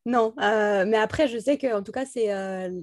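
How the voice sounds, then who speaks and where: A French woman talks slowly and haltingly, stopping often on fillers and laughing softly between phrases. Her voice is mellow and warm. The sound is close and dry. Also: medium pitch, dry recording. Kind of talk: casual chat.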